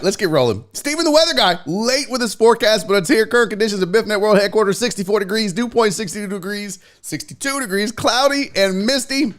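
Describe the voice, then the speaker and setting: This livestream host's voice sits high and sounds a bit bright. He talks to his viewers like pals, using slang and being crude, blunt, and jokey.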